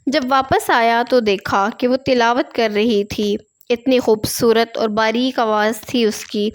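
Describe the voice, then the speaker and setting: A woman reads a long tale aloud, her voice smooth and clear and set a touch above the usual pitch. She keeps a steady, gentle reading pace and folds the characters' lines into her own narration. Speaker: storyteller. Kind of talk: storybook narration.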